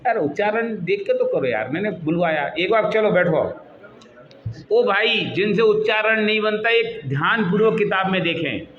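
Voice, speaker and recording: A man teaching a class, coaxing and scolding students and leading them through slow recitation. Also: high voice, expressive. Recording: dull echoey hall, students audible.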